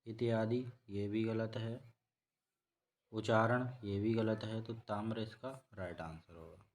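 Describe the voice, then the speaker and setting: A man teaching a spelling lesson for exam preparation, repeating each word slowly and correcting himself as he goes. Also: fairly low pitch, fairly even intonation. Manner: slow, repetitive explaining, self-correcting. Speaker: Hindi teacher.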